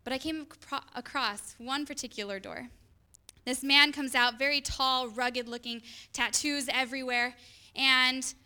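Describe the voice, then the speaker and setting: A woman's voice: high voice, steady tone, normal speed, sharp tone, smooth. A young woman, a student literature evangelist, telling an earnest personal testimony. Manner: earnest storytelling.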